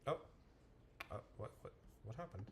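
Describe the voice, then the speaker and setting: A man's voice: moderate pace, a bit bright, slight background noise. A man who tutors math, talking casually to a livestream and thinking aloud, with frequent restarts and self-corrections. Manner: muttering to himself while waiting on the screen.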